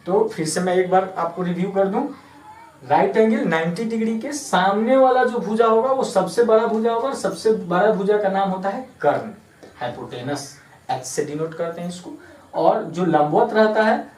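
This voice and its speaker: A man's voice: high voice, normal speed, darkish tone. A man from Bihar teaching a maths lesson at a board, patiently repeating terms and spelling words out letter by letter. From Bihar, India. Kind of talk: classroom lesson explaining at a board. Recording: echoey room, voice from a distance.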